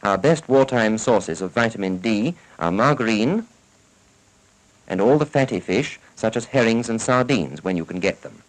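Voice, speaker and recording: A man with a British accent narrates a public information film in a fairly low, expressive voice at a moderate pace. It's formal, scripted, and instructive, echoing a 1940s educational film. The vintage soundtrack has poor audio.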